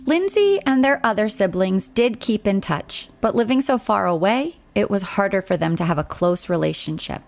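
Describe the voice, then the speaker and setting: Creaky-voiced woman narrating true crime. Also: medium pitch, sing-song. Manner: measured, storytelling delivery. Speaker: podcast host and narrator.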